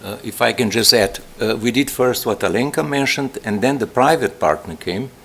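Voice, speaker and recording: A man on a conference panel, adding to a colleague's answer in a measured way. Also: medium pitch, gravelly, slight background noise. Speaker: presenting project partner. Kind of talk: answering audience questions.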